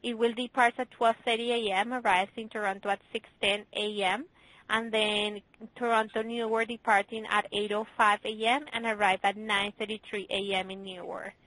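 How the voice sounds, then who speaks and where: A woman's voice: medium pitch, flat delivery, normal speed, a bit bright, no room sound, low-quality recording. A woman working as an airline call center agent, talking with a customer in a service phone conversation.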